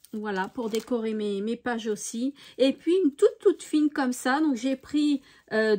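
A high-voiced woman who vlogs about crafts chats casually through a haul, showing off her items. She hesitates often and keeps saying "voilà".

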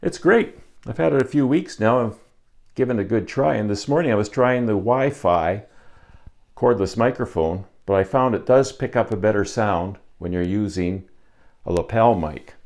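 Low-voiced older man, casual vlogger. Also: normal speed, a little mellow. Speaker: vlogger testing camera gear. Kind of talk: casual chatty vlog. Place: indoor room in front of a backdrop. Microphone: lapel mic.

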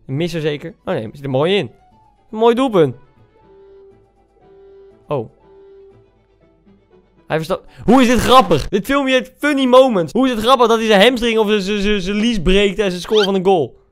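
A young man's voice, pitched a little above average and smooth and crisp, reacts to clips in casual commentary. He sounds incredulous and teasing, firing off quick exclamations. Soft music plays faintly underneath. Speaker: YouTuber.

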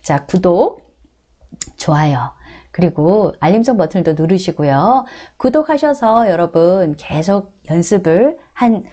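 A middle-aged woman teaching beginner English grammar with a Korean accent, drilling words slowly and coaxing her viewers. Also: lowish voice, expressive, dark tone, dull audio. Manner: addresses viewers often, coaxing and encouraging.

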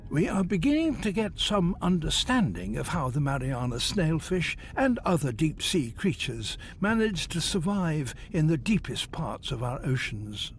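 Higher-pitched man narrating a nature documentary. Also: very animated, measured pace, hardly any pauses. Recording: music behind the voice. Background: background music.

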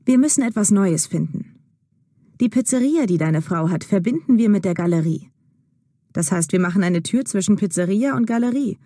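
A woman voicing an evasive, smooth-talking businessman in a learner audio story. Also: mid-range voice, expressive, moderate pace, dark tone, dry recording, studio quality. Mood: persuasive. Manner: evasive, then upbeat and persuasive. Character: evasive, smooth-talking male gallery manager. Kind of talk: acted dialogue in a learner audio drama.

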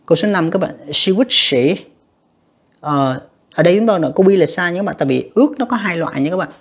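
A teacher, patiently explaining an English exam step by step and saying the English words slowly and carefully. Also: mid-range voice, lively intonation, husky. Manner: patient, repetitive explaining with frequent tag particles. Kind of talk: exam review lesson.

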